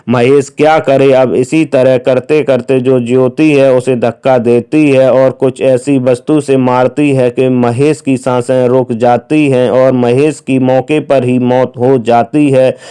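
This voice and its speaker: A man narrating a crime story in a casual, unhurried retelling style, stringing events together with plain connecting phrases. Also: mid-range voice, dark tone, clear, resonant tone.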